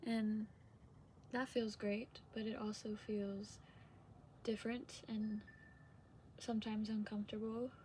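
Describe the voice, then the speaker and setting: A young adult woman vlogging in casual, unscripted confessional chat, hesitant, trailing off and pausing between phrases. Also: medium pitch, little pitch movement, a little mellow, a little hiss or hum. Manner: hesitant, trailing sentences with long pauses.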